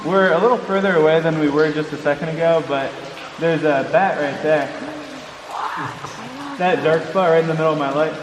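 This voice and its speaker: Male cave-boat guide, higher register, informal and explanatory; picked up from a distance with cave echo. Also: fairly even intonation, moderate pace. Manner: casual, chuckling, explanatory. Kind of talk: informal guided tour commentary. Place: inside a water-filled cave on a tour boat. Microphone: vlogger's camera, away from the speaker. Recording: echoey cave, distant mic, noisy background.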